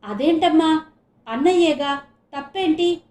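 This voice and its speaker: A woman's voice: fairly even intonation, moderate pace, darkish tone, reverberant, close to an everyday voice. A woman doing a hurt, pleading teenage daughter. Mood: surprised. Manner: high, tearful pleading.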